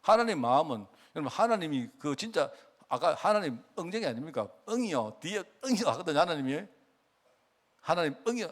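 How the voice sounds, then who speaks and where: Middle-aged male pastor, lively sermon delivery, slightly high voice. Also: brisk. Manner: animated, asks the congregation questions; acts out God's words in quoted speech.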